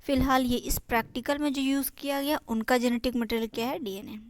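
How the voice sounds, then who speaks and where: A woman teacher with an Indian accent, going through exam notes, reading English lines slowly and explaining them in Hindi, often asking and answering her own questions. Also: high voice, fairly even intonation, dry recording. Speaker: biology teacher. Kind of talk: exam-prep lesson.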